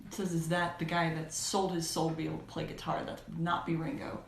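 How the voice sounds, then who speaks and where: A woman's voice: low voice, flat delivery, fast, gravelly, roomy sound, a little hiss or hum. A woman playing the male archangel Gabriel on a cosplay role-play livestream, chatting in a playful way. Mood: chatty playful. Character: Archangel Gabriel, a cheerful, pompous male angel.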